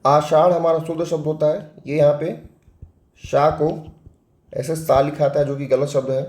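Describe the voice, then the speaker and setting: A man's voice: fairly high pitch, little pitch movement, normal speed, a little mellow, reverberant. A man teaching a spelling lesson for exam prep. He explains step by step with a Hindi accent, asking questions and answering them himself.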